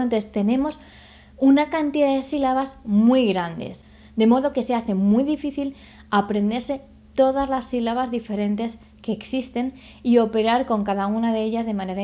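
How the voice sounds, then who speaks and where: A woman's voice: on the high side, warm tone. Woman speech therapist explaining syllables. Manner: explanatory, patient, sounds out syllables slowly; addresses the viewer directly with checking questions. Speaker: speech therapist teaching a course. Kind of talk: online course lesson.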